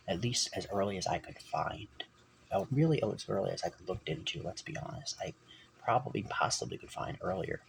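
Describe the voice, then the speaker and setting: Low gravelly man rambling to camera. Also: a little hiss or hum, low-quality recording. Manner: rambling, self-correcting, digressive. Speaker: vlogger. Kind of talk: rambling personal vlog monologue. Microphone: camera mic.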